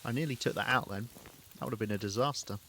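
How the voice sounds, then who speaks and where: A man with a Southern English accent streams a game and chats casually with his viewers. His voice is bright and forward, his talk loose and full of laughter. A faint noise sits underneath. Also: mid-range voice, fast talker. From England. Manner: chatty, laughs often, answers chat. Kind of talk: casual live-stream chat.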